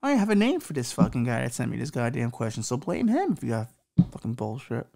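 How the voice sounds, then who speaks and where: A very animated podcast host in his thirties talks quickly in a mid-range voice that's gravelly yet a little mellow. Lisping slightly, he rambles through relationship advice, swearing and mocking himself.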